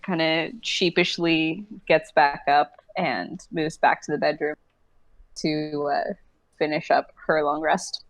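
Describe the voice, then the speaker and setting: A woman narrating a tabletop game as game master, thinking aloud with hesitant pauses. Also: low voice, little pitch movement, no echo, poor audio.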